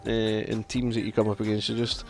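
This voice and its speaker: A man's voice: lowish voice, completely flat delivery, a little fast, faint music behind. Chatty man streaming a game. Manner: chatty, rambling, reacts loudly to play. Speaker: gaming streamer. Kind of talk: casual live-stream commentary.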